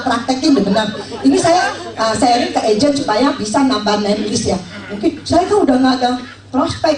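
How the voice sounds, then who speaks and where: A woman giving a joking, animated sales training talk to a room of agents, acting out little scenes as she goes. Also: on the high side, far from the mic. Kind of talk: lively motivational sales talk. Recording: echoey room, voice from off-mic.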